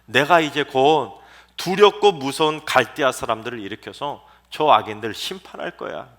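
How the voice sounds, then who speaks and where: Brief: God played by a man, calm promises, comforting tone. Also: medium pitch, moderate pace, close to an everyday voice. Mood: reassuring. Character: reassuring God speaking to his prophet.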